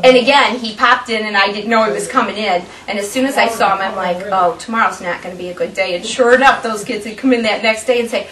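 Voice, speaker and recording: A woman, the officer's sister and a teacher, tells lively family stories, laughing and acting out quotes. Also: fairly high pitch, fast, hardly any pauses. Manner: animated, laughing storytelling with acted quotes. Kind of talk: family remembrance interview. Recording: roomy, distant mic with people murmuring.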